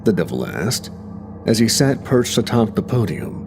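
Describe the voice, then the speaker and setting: A man's voice: on the low side, very animated, moderate pace. A man narrating a first-person horror story in a tense, dramatic way. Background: music.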